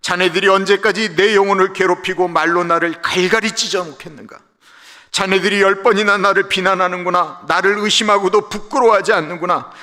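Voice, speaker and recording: A preacher reading as Job, a suffering, abandoned old man, lifts his voice high and bright. He pleads bitterly with his friends. Long reverb from the church hall trails behind him. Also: fairly even intonation, a little fast. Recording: echoey church sanctuary livestream.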